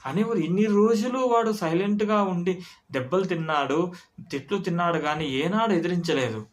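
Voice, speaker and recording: Man telling a family story, a bit high-voiced, earnest, keeps restarting lines. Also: moderate pace. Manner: earnest, conversational retelling with restarts. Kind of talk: first-person spoken story.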